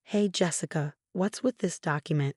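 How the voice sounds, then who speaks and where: A woman voicing a smug, scheming husband in his fifties in a narrated story, mocking and later yelling in panic. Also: lowish voice, normal speed, breathy edge, no echo, clean studio sound. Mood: furious.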